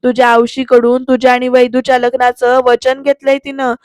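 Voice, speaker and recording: A woman's voice: high voice, monotone, moderate pace, darkish tone, dry recording, lightly acted. A woman voicing a scheming older father who talks slyly and confidently.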